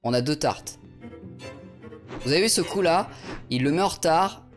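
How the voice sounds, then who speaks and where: A man's voice: fairly high pitch, lively intonation, normal speed, faint music behind. A man from France casually commenting on a video game as he plays, swearing now and then and answering his viewers. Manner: chatty, swearing, reads chat aloud. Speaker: let's play streamer. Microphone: USB studio condenser mic.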